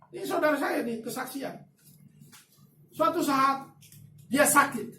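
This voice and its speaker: A man's voice: very high voice, a little slow, slight background noise. Echoey, distant male preacher. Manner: animated storytelling, swings between soft asides and loud emphatic bursts. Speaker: pastor. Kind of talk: sermon. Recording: echoey room, voice from a distance, faint ambience.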